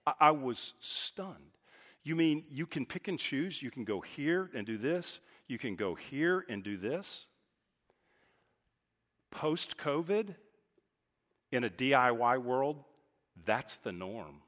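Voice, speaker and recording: A man from Texas preaching a sermon as pastor, talking with emphatic swings from loud, high points to quiet, low asides. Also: sing-song, slow, long pauses. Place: church sanctuary. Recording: reverberant church hall.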